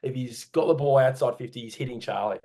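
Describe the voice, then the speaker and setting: A man's voice: medium pitch, fast talker, mellow. A man with an Australian accent co-hosting a casual sports podcast, rambling and correcting himself as he talks from home. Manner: rambling, hesitant, self-correcting. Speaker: podcast co-host. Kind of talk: casual chat. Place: home room.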